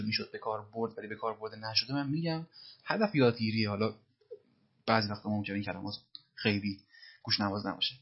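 Husky-voiced male language teacher. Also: fairly low pitch, highs cut off. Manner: slowly repeats English phrases, then explains them. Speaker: English teacher. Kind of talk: language lesson explaining film dialogue.

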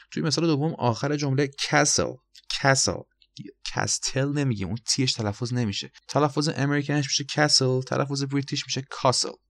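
A man with a Persian accent teaching English vocabulary, explaining each word, spelling words out letter by letter and repeating the pronunciations. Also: fairly low pitch. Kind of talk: recorded vocabulary lesson.

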